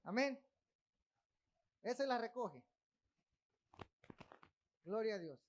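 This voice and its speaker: A man's voice: extremely high pitch, expressive, very slow, a little hiss or hum. A man preaching a sermon as pastor of a church, breaking off with asides to the congregation. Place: church in Texas.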